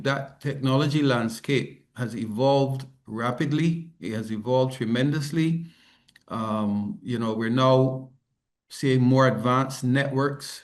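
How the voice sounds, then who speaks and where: Man presenting over a video call. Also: medium pitch. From Barbados. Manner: conversational, with frequent ums and self-corrections. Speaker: head of a regional organization giving a talk. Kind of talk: conference presentation. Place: office, not the venue. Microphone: remote video call.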